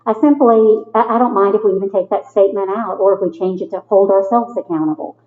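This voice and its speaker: A woman's voice: medium pitch, soft background music. Kentucky woman, echoey phone-like meeting audio. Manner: earnest, measured, with frequent fillers. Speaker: school board member. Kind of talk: formal meeting discussion. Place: meeting room. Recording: echoey hall over a thin phone-like line.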